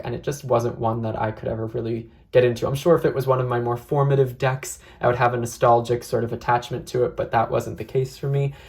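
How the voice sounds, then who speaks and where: A person giving a casual, unscripted review in a measured, reflective way, often hedging opinions. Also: mid-range voice, a little mellow. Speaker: tarot deck reviewer.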